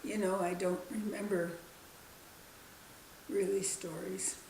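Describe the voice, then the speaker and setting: A woman in her nineties, interviewed as a grandmother, recalling her childhood in a slow, halting way. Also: mid-range voice, flat delivery, creaky, darkish tone, roomy sound, slight background noise, poor audio. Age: 90s. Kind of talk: casual family interview.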